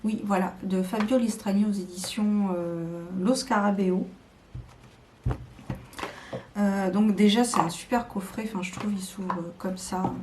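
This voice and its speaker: Mellow-voiced woman chatting hesitantly. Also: medium pitch, fairly even intonation, moderate pace, hardly any pauses, a little hiss or hum. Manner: hesitant, many fillers and restarts. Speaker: tarot video creator. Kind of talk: casual show-and-tell chat to camera.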